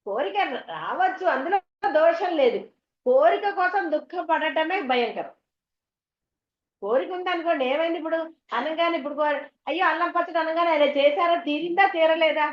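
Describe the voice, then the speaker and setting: In a dull, echoey hall, a woman speaking as a spiritual teacher gives a devotional talk at a moderate pace in an extremely high voice. She keeps it chatty and conversational, telling homely anecdotes and putting questions to her listeners.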